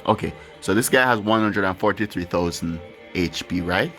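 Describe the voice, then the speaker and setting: With faint music of his own in the background, a man hosting a gaming channel gives loose, rambling commentary while he plays. He's candid and drops the odd swear word. His voice is low-pitched and fairly bright, moving at a moderate pace.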